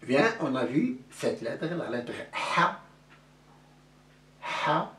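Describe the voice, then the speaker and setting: Very slow man teaching letter sounds. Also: fairly high pitch, very animated, fairly bright tone, a little hiss or hum. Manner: drawn-out, repeats each sound several times. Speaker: Arabic teacher. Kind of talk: slow classroom-style letter lesson. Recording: echoey room, voice from a distance.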